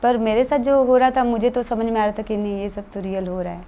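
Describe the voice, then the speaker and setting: Woman recounting her experience in a mellow voice. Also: a little high, fairly even intonation, quick pace. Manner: earnest, matter-of-fact retelling in plain conversational Hindi. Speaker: guest telling a true experience. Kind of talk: casual interview storytelling.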